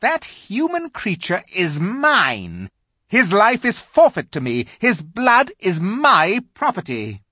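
A reader voicing a cruel, proud witch queen who speaks in a shrill, imperious, menacing way. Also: wildly swooping pitch, slow, pushed and bright, slightly rough, dry recording, studio quality, heavily acted.

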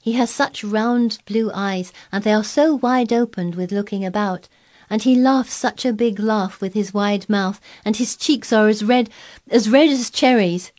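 A woman's voice: medium pitch, moderate pace, warm tone, pitched above the performer's own voice, lightly acted. A woman reading aloud, voicing a blunt, contrary girl who speaks earnestly and stubbornly. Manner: obstinate, earnest, eager describing.

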